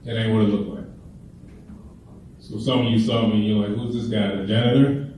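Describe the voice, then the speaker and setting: Giving a motivational keynote, this middle-aged Chicago man has a fairly low, mellow voice, fairly even intonation, and a slightly quick pace. He's humorous and conversational, spinning casual stories. Recorded from a distance in an echoey hall, faint hiss included.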